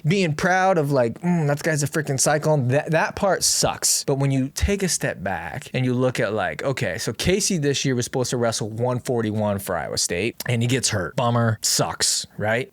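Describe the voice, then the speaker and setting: Animated young man ranting about sports. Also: medium pitch, no room sound. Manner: animated, sarcastic, swearing, rhetorical questions. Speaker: podcast host. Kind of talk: casual sports rant.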